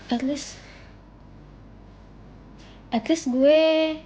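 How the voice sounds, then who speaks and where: Here the same kind of Indonesian streamer sounds high-pitched and mellow, holding a steady tone and drawing out her words. She's a young woman trading playful, self-mocking teases in casual livestream chat, picked up on a phone mic with dull lo-fi sound.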